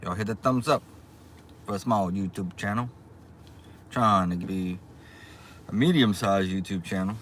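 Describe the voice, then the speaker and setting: A man hosting a casual livestream from inside a car, rambling through unhurried small talk with viewers. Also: on the low side, a bit bright. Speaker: livestream host, small YouTube channel. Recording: clear background noise, car ambience.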